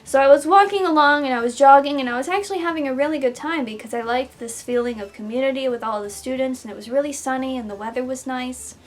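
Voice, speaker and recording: Young woman w a slightly high voice, sore throat, casually telling her dreams, keeps interrupting herself. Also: quick pace, hardly any pauses. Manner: loose, self-interrupting storytelling. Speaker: vlogger. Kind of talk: casual rambling dream recounting. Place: small room at home, indoors.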